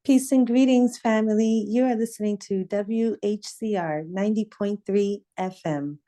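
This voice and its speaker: A woman's voice: medium pitch, moderate pace, mellow. A woman hosting a radio interview show, speaking in a formal, welcoming announcer manner in a radio studio.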